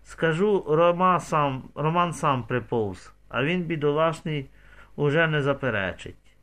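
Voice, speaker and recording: A man reading the lines of an old village healer woman, who gives brisk, matter-of-fact instructions in an audiobook. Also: a little high, lively intonation, fairly bright tone. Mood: firm.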